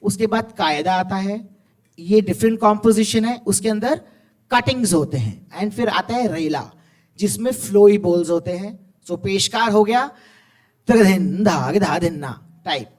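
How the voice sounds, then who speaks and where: A man with an animated, encouraging manner, teaching tabla to students in a school hall. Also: high-pitched, moderate pace. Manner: animated, encouraging, recites tabla syllables aloud. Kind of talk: lively school music workshop. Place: school hall with live music.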